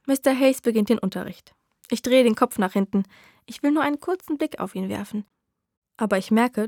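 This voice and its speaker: A woman narrating a novel in the first person with a steady storytelling delivery. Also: on the high side, no room sound, studio quality. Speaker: audiobook narrator.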